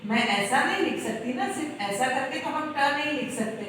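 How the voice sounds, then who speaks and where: A woman's voice: high voice, animated, moderate pace, a bit bright, slight background noise. A woman teacher patiently explaining how to write and pronounce letters, step by step, in a lesson. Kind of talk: Hindi grammar lesson. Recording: echoey room, far from the mic.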